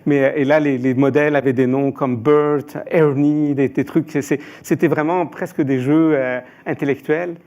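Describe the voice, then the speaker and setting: Gravelly, hesitant man from Iran. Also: on the high side, steady tone, moderate pace, few pauses, darkish tone, dull audio. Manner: hesitant, frequent filler sounds and restarts. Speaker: expert panelist. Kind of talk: panel discussion answer.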